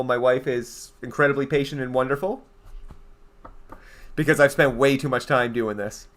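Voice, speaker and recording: Rambling and chatty, a young game streamer from eastern Canada reads out viewer chat and answers it during a casual livestream, drifting from thought to thought. His middling-pitched voice is a bit bright, easygoing and conversational.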